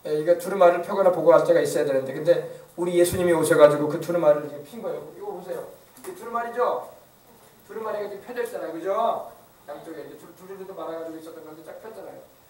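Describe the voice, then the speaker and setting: A man's voice: fairly high pitch, very fast, darkish tone, a little hiss or hum. A male pastor preaching a sermon, emphatic and often asking the congregation questions. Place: church. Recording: echoey church from far off.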